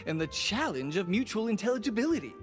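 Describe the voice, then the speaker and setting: An actress voicing a pompous, gushing theater critic in video game dialogue. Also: female voice, mid-range voice, very animated, quick pace, big-room sound, faint music behind, close to an everyday voice.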